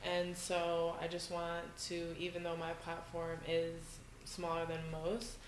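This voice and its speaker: A woman's voice: fairly low pitch, monotone, unhurried, slight background noise. A woman from New York hosting a casual podcast interview in someone's living room, chatty and full of fillers. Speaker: podcast host. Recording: echoey room.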